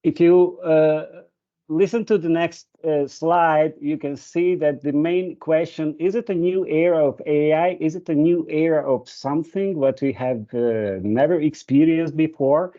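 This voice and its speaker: A Hungarian-speaking man gives a webinar presentation that includes an anecdote, sounding hesitant and full of fillers and restarts. His voice is fairly high and warm, with fairly even intonation and an unhurried pace, and the video call audio is muffled.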